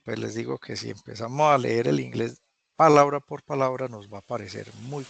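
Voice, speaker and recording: A man teaching English in an online class, patiently repeating phrases slowly for students to drill. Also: medium pitch, vocal fry, slightly rough, dry recording. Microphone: video call.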